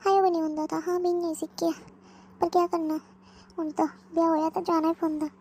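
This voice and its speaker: A woman's voice: extremely high pitch, level tone, a little fast, darkish tone. A woman voicing a worried older mother-in-law, rambling and pleading. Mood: fretting. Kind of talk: cartoon voice acting.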